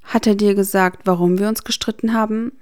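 A woman's voice: mid-range voice, steady tone, brisk, a little mellow, no room sound, clean studio sound, lightly acted. A woman reading the lines of a spiteful, sneering teenage boy wizard in a German fan audiobook, with a mocking, smug delivery.

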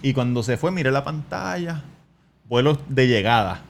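Un hombre con acento puertorriqueño, presentador de un pódcast, que cuenta anécdotas de forma animada y malhablada, actuando las escenas. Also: male voice, mid-range voice, normal speed, creaky. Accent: Puerto Rican. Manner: animated, profane storyteller who acts out scenes. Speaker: podcast host. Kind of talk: casual storytelling.

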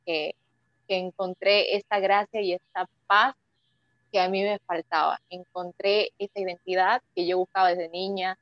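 A woman's voice: lowish voice, little pitch movement, no room sound. A young woman tells her own story as an interview guest, hesitating and restarting as she searches for words. Her voice comes through dull and lo-fi, in a dry space with no room sound. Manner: emotional, halting, many restarts. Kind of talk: personal testimony.

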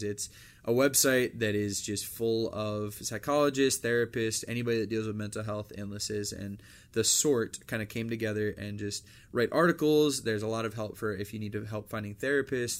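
Casual rambling young man. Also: lowish voice. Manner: rambling, restarts often, reads out a list. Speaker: podcast co-host. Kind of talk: casual chat.

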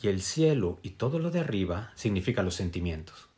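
A man's voice: fairly low pitch, very animated, fairly quick, a little mellow. A man giving a casual spiritual wellness talk to an audience. He speaks reflectively, with many fillers and tag questions. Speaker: motivational speaker.

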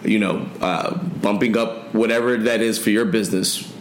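A man answering interview questions as a guest, relaxed and thoughtful, with frequent "um" pauses. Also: lowish voice, echoey room, a little hiss or hum. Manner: relaxed, thoughtful, hesitant fillers. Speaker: guest, gym owner.

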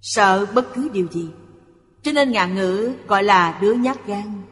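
A speaker reading a Buddhist sutra commentary aloud in a measured, explanatory way. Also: mid-range voice. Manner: slow, even, explanatory delivery. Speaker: reader of a Buddhist lecture. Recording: long hall reverb.

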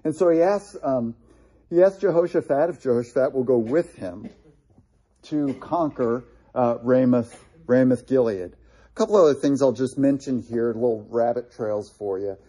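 A man's voice: mid-range voice, moderate pace, dark tone, slightly rough. A man teaching a casual Bible study, talking conversationally with many fillers and restarts while pointing out places on a map.

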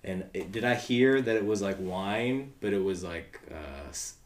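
Deep-voiced joking man, echoey room. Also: lively intonation, a little slow. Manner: curious, joking, casual. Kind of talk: casual devotional discussion.

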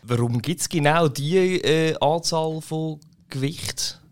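A man's voice: on the high side, slow pace. A man with a Swiss German accent hosting a podcast interview in an informal, loosely phrased way. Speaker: podcast host. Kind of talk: casual interview.

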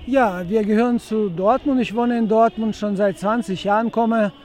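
A man's voice: sits high, fairly even intonation, normal speed, a little mellow. A man from Ukraine with a Ukrainian accent, giving a street interview as a protester outdoors in a city, hesitant and full of filler sounds.

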